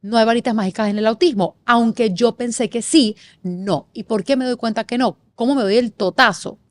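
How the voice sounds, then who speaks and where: A middle-aged woman from Panama, a guest in an interview, telling a personal story with expressive, animated delivery and quick lists. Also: fairly high pitch, dry recording. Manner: expressive, animated, lists things in rapid series.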